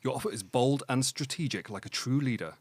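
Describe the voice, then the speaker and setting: A man, narrating a comedy tabletop game as game master, theatrical and quick to laugh. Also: mid-range voice, slight background noise.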